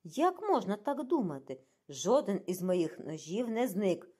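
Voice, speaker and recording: A woman's voice: medium pitch, very animated, unhurried, warm tone, breathy edge. A woman reading the lines of an indignant older German ship's doctor in an audiobook. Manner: huffy, offended.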